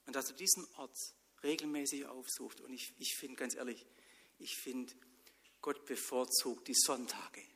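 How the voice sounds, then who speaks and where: A man preaching a sermon in church, telling stories and swinging between loud lines and whispers. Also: medium pitch, fairly even intonation, normal speed, slight background noise. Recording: long church reverb.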